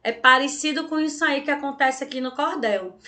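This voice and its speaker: In a high, pushed, bright voice and at a fairly quick pace, a Brazilian Portuguese teacher leads an online lesson. Every few lines she checks in with her students, asking "tá, gente?" or "certo?".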